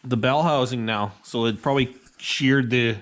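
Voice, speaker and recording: A man chatting casually as co-host. He speaks haltingly and restarts mid-sentence. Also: medium pitch, a bit bright. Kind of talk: casual chat.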